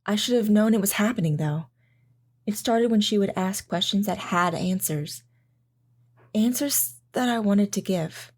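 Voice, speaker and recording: In an audio drama, a woman with a natural, mid-range voice and measured pace plays a loving mother recalling camping with her daughter. Her narration and dialogue are reflective and sentimental, with a wistful, tender mood.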